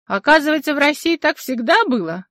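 A woman's voice: high voice, expressive, brisk, a bit bright, dry recording, clean studio sound, pitched above the performer's own voice. A woman doing an eager, easily startled woman. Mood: eager curiosity. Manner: eager, gasping questions.

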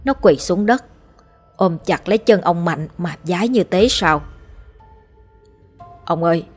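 A woman reading a horror story aloud in a measured, somber narration. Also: fairly low pitch, animated, breathy edge, faint music behind.

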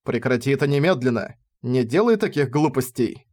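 A man's voice: mid-range voice, expressive, normal speed, a little mellow, lightly acted. A proud young king, read by a man, speaks sharply and makes demands. He sounds indignant, as in a fantasy audiobook reading. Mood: urgent.

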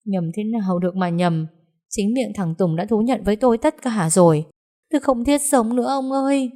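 A woman voicing a sobbing, distraught older mother-in-law who laments loudly in a storytelling narration. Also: mid-range voice, normal speed, lightly acted. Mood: wailing. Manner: wailing, lamenting.

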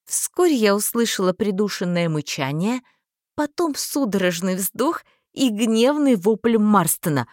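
Female audiobook narrator, wry first-person read, mid pitch, dry booth sound. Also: a little slow, no echo. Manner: expressive, wry storytelling.

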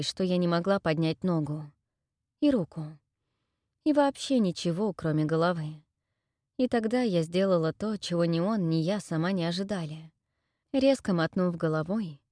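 A woman narrating a first-person story in an audiobook, with lively, wry storytelling. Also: lowish voice, no echo, clean studio sound.

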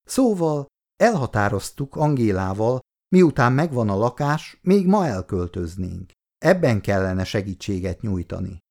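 A man's voice: lowish voice, very animated, darkish tone. A male reader voicing an evasive young man who placates his mother. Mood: earnest. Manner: placating, sheepish.

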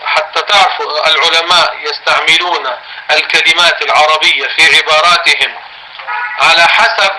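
A man with a Levantine Arabic accent giving a religious lesson in class. He reads a text slowly, explains it in everyday words and asks his students questions. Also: fairly high pitch, steady tone, a crowd in the background, poor audio. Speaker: religious teacher.

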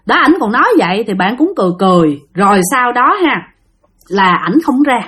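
A woman with a Southern Vietnamese accent tells a spooky story in a chatty, conversational way. She speaks straight to her listeners. Her voice sits fairly high and swings widely up and down. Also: sing-song, fairly quick, fairly bright tone. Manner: chatty, addresses listeners directly, acts out quotes. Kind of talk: spoken ghost story narration.

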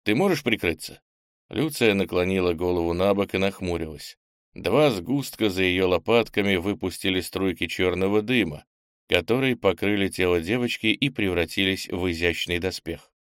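A man reading a novel aloud as audiobook narrator, in a steady, even manner. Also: deep voice, normal speed, clean tone, no room sound, clean studio sound. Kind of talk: scripted narration.

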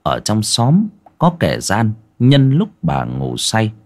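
A man hosting a channel and narrating a scripted horror story in a measured storytelling manner. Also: on the low side, wildly swooping pitch, a little mellow.

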